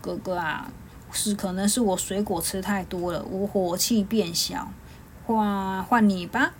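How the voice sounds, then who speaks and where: A woman voicing a young male warrior who sounds quiet and dejected. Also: mid-range voice, a little slow, a little hiss or hum, lightly acted. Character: deflated young male warrior with fire eyes.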